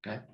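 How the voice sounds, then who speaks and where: A man leading a calm guided meditation over a video call, speaking English with non-native phrasing and checking in gently with a soft "okay?". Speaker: meditation teacher. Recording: roomy video call sound.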